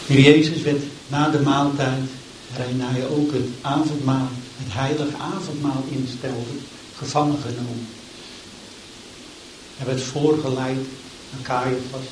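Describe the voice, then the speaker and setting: A man praying and reading scripture aloud in a slow, solemn way, with long pauses. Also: medium pitch. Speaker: preacher. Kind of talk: prayer and scripture reading in a church service. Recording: echoey room with faint hiss.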